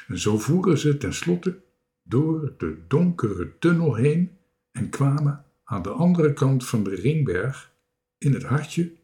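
Slow, animated male storyteller. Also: medium pitch. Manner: slow, lively read-aloud with small character voices. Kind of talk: children's story read aloud.

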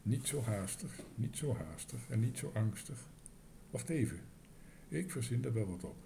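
A man voicing a calm, clever little girl who reassures her father. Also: mid-range voice, moderate pace, vocal fry, a little hiss or hum.

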